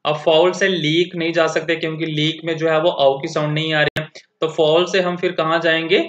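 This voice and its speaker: A male teacher walking students through a textbook lesson, reading English lines slowly and then explaining them in plain conversational terms. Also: on the high side, level tone, a bit bright. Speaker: school teacher. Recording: echoey, dull lo-fi audio.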